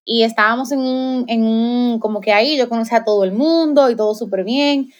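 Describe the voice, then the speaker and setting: Young woman, high-pitched, earnest testimony full of restarts and fillers. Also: fairly quick. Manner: emotional, heartfelt, many fillers and restarts. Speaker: guest sharing a faith testimony. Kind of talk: personal testimony in conversation.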